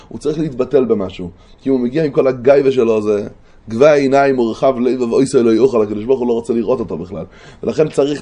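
A man teaching a religious text in a lesson, with a mellow voice. He works through the material step by step and keeps checking that his listeners follow. Now and then he stops to think aloud and recall a term. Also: mid-range voice.

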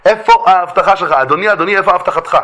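A man's voice: high-pitched, bright, forceful tone. A man voicing a grieving widow who cries out and pleads, in a retold story. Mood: pleading. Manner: lamenting, crying out.

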